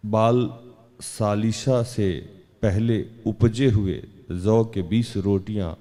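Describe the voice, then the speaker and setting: A man preaching a sermon, reading scripture slowly and deliberately and then preaching with rising emphasis. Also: fairly low pitch, dark tone, in a large hall. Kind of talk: Hindi sermon with Bible reading.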